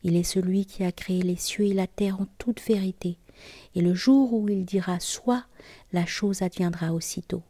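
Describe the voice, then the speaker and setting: A woman giving a whispered scripture reading in a soft, measured voice. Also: fairly low pitch, steady tone, no echo, clean studio sound. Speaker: scripture reader.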